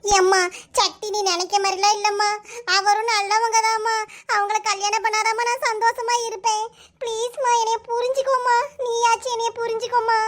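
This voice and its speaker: A woman voicing a soft-hearted young village daughter in a cartoon, gently coaxing and pleading in a Kanyakumari Tamil accent. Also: very high-pitched, flat delivery, moderate pace. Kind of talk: cartoon voice acting.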